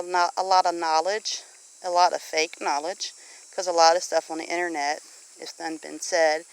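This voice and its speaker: This homesteading vlogger, a middle-aged woman with a Southern US accent, speaks outdoors in a smooth voice on the low side, captured on a rough recording. Her informal monologue preaches earnestly to viewers, exhorting them and repeating phrases to drive points home.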